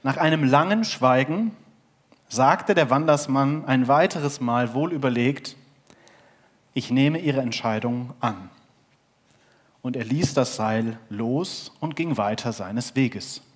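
A man's voice: mid-range voice, unhurried. A man preaching a sermon in a conversational way, telling a parable and asking the audience questions. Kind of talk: sermon with storytelling.

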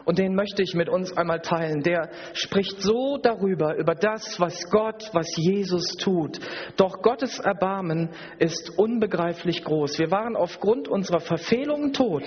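This preacher's husky voice sits high, and he keeps a measured pace through his church-service sermon. He repeats himself emphatically and leans on rhetorical questions, recorded dully in a reverberant hall.

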